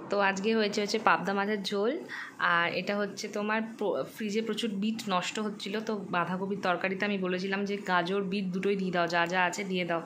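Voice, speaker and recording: A woman's voice: mid-range voice, level tone, quick pace, fairly bright tone, slight background noise. A young woman from West Bengal chatting casually to her viewers as she shows her home and daily routine. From West Bengal, India. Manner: chatty, showing things to viewers. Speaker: vlogger. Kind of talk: casual home vlog narration.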